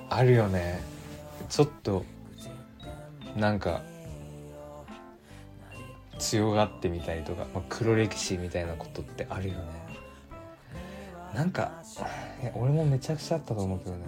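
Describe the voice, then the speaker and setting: A man with a Kansai accent hosting a casual solo livestream, chatting loosely and reading listener messages aloud. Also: on the low side. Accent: Kansai Japanese. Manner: chatty, animated, muses aloud with frequent fillers. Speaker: livestream radio host.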